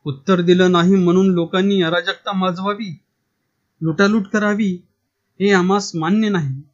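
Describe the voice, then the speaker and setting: A haughty, short-tempered government officer, as a man reads him in a storybook tale. His voice runs high and snappish. The recording is dull and lo-fi. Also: steady tone, normal speed, lightly acted. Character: irritable male government district officer.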